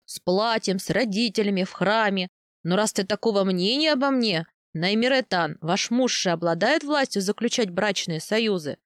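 Woman voicing a big bear of a man, gruff, flustered, indignant, dry close sound. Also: mid-range voice, moderate pace, no echo, natural voice. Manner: indignant, defensive.

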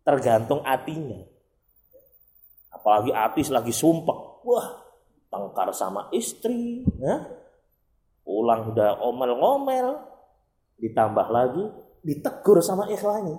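A man's voice: mid-range voice, sing-song, measured pace, pauses often, mellow, echoey room. A man giving an emphatic religious study lecture, sprinkling Arabic phrases and acting out everyday dialogue. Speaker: Islamic preacher.

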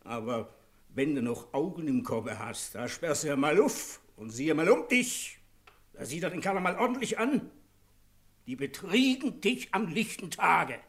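A stubborn horse dealer in an old radio play, pressing his accusations. His voice sits slightly high for a man. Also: expressive, measured pace. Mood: reproachful. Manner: reproachful, insistent. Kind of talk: 1960s radio play acting.

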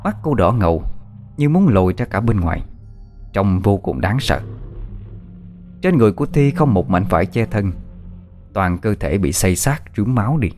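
A man narrating a horror story in a slow, measured way. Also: lowish voice, sing-song, darkish tone, faint music behind.

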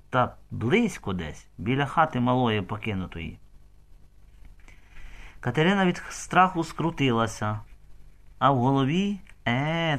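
A man narrating an audiobook in an expressive, emotional storytelling manner. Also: mid-range voice.

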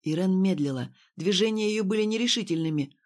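Audiobook reader, woman, steady first-person narration. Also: medium pitch, fairly quick. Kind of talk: scripted narration.

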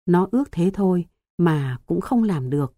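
A woman reads an audiobook story in a calm, measured way. Her voice is fairly low, with a mellow, warm tone. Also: no room sound, clean studio sound. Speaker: audiobook narrator. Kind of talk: scripted narration.

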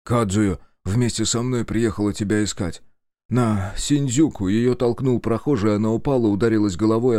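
A man's voice: fairly low pitch, dark tone, no room sound, clean studio sound, close to an everyday voice. A man doing a nasal, guilt-ridden young man.

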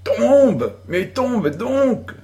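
A man's voice: high-pitched, animated, takes it slowly, dull audio, pitched above the performer's own voice, heavily acted. A man voicing a bold young boy who plays the hero of an outlaw game, in a theatrical, commanding manner.

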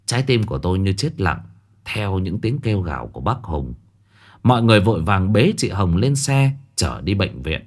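A man's voice: low-pitched, very animated, moderate pace. A man narrating a first-person horror story in a dramatic, tense way. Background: faint music.

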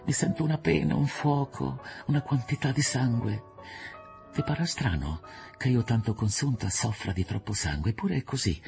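A man reading an audiobook, voicing a sickly, passionate woman in love with a husky, gravelly voice and pleading, breathy delivery. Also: medium pitch, darkish tone, pitched above the performer's own voice.

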